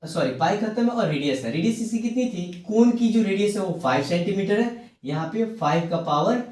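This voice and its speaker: A man with a fairly high voice teaches a math lesson, talking through each sum step by step and reassuring his students. His carries through a very echoey room, heard from some distance from the mic. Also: lively intonation, fairly quick, darkish tone. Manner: reassuring, works sums aloud step by step.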